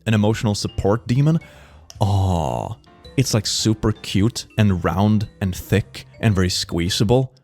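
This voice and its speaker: A young man with a Swedish accent doing a mock classroom lecture in a playful, sarcastic and rambling way, with sudden bursts of excitement. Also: fairly low pitch, normal speed, hardly any pauses, soft background music. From Sweden. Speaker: streamer. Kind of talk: mock classroom lecture, casual streaming chat.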